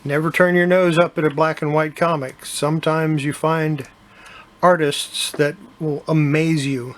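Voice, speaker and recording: A man's voice: a little high, measured pace. Older man chatting about his collection. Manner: relaxed, chatty, with fillers. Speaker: collector channel host. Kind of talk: casual collection show-and-tell.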